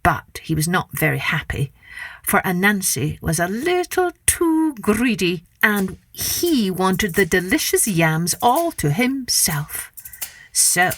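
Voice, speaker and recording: Animated woman storyteller with swooping intonation. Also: fairly low pitch, a little hiss or hum. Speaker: storytelling podcast host. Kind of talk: animated scripted children's folktale narration. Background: faint music.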